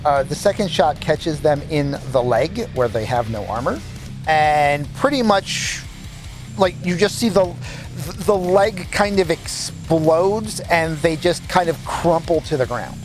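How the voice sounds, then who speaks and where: Higher-voiced man running a tabletop game. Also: measured pace, music in the background. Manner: relaxed, explains rulings patiently. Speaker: game master.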